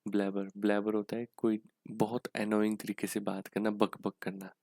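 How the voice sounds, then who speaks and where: A man's voice: lowish voice, monotone, moderate pace, gravelly, darkish tone, dry recording. A man with an Indian accent teaching an exam-prep English lesson in Hindi, checking in with "theek hai" as he explains each answer. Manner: explains in Hindi with English terms, frequent "ठीक है".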